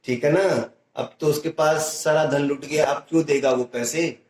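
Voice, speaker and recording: A man's voice: fairly high pitch, steady tone, moderate pace, darkish tone, roomy sound, low-quality recording. A male teacher explaining a grammar lesson to students, acting out example sentences and often checking if they follow.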